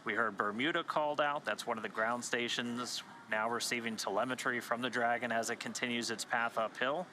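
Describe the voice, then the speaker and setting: A man's voice: medium pitch, fairly even intonation, fairly quick, sharp tone. Male launch commentator over background noise. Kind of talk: live technical commentary.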